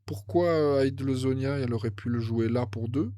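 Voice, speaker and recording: A man commenting on a card game match, excitable and thinking aloud as he goes, often correcting himself. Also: medium pitch, moderate pace, dry recording, clean studio sound.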